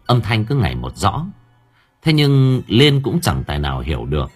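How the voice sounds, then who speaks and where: A man with a husky, fairly low voice narrates a story. His pitch rises and falls in an animated storytelling manner. Faint music plays underneath. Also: normal speed. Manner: expressive, lively storytelling. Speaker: audiobook narrator.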